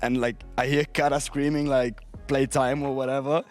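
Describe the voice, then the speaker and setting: A man, a pro player, chatting in an interview, hesitant and self-deprecating with many pauses. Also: medium pitch, flat delivery, soft background music. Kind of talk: casual interview chat.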